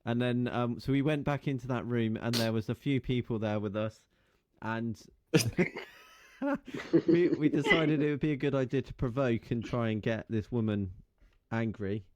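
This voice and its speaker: A man's voice: medium pitch, moderate pace, no room sound, lo-fi sound. English male co-host, laid-back and meandering, dry studio sound. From England. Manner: relaxed, trailing, filler-heavy speech. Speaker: podcast co-host. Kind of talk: casual chat.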